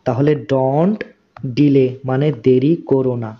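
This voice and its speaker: A man teaching spoken English as a lesson, slowly repeating each phrase and explaining it word by word. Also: mid-range voice, steady tone. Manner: slow, deliberate repetition of phrases with word-by-word explanation. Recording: dull, lo-fi recording.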